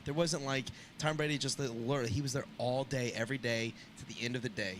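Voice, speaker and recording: A man hosting a casual sports chat podcast, animated and laughing as he talks. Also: medium pitch, fairly quick, slight background noise. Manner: animated, laughs while talking. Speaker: podcast host.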